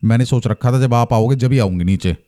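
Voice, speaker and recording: A frightened young wife, feverish and pleading in an anxious voice, as a man retells her words. The voice stays dark and mellow, close to the man's own everyday speech. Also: mid-range voice, brisk, clear, resonant tone, lightly acted.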